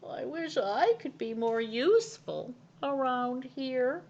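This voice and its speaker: Woman as an eager, animated storybook peacock. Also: high-pitched, slow pace, lo-fi sound, pitched above the performer's own voice, full character voice. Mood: wistful. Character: eager, earnest male peacock wanting to be useful. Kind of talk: children's storybook character reading.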